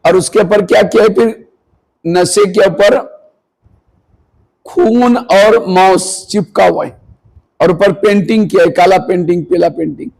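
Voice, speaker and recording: A man's voice: high-pitched, measured pace, gravelly, pauses often, a little mellow, rough recording. A man giving a spiritual discourse to a live audience, earnest and full of rhetorical questions, now and then scolding sleepy listeners. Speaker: spiritual teacher. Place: meditation hall.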